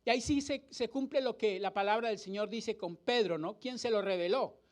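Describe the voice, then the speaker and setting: A man's voice: high voice, brisk. A man preaching a sermon as pastor, acting out scenes and asking rhetorical questions. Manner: dramatic, acts out the crowd and the blind man's cries, rhetorical questions. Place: church hall.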